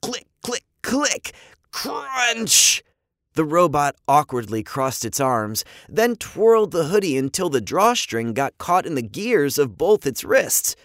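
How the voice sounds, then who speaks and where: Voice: mid-range voice, big pitch swings, a little slow, hardly any pauses, dry recording, studio quality. A storyteller reading a children's story aloud expressively, acting out sound effects. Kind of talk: storybook narration.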